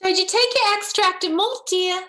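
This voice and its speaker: Woman doing a very high, fretful mother kangaroo. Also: normal speed, sharp tone. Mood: fretful, coaxing. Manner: sweetly fretful, placating. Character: anxious, doting mother kangaroo. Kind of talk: adult comedic stage play reading.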